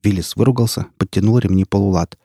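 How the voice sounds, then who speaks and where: A man narrating an audiobook in a measured, grave storytelling manner. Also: fairly low pitch, warm tone, slightly rough, no echo, studio quality.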